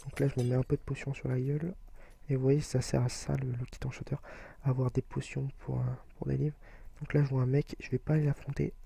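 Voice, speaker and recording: A young man talks through his gameplay in a casual way, explaining each step with lots of hesitation fillers. His voice is gravelly and husky, very dark in tone, and stays fairly flat. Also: mid-range voice, fast, dry recording. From France. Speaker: gaming video creator.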